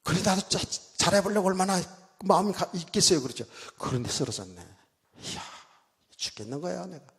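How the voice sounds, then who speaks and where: Animated middle-aged Korean pastor preaching. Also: male voice, high voice, fairly quick. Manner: animated storytelling, swings from loud exclamations to quiet asides; keeps asking the congregation for agreement. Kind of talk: sermon. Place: church sanctuary. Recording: church hall reverb.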